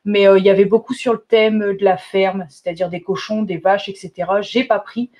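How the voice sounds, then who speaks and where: A woman hosting a live product demonstration for her shop, talking in an easy, chatty way. Her voice sits at a middle pitch, and she keeps up an enthusiastic flow peppered with small fillers. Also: fairly even intonation, a little mellow. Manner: chatty, enthusiastic, fills pauses with "hop" and "euh". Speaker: shop owner presenting new products.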